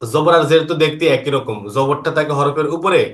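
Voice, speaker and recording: Patient teacher, repeating answers. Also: male voice, fairly high pitch. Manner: patient, asks questions then repeats the answers slowly. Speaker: Quran teacher. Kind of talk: online lesson explaining Arabic vowel marks.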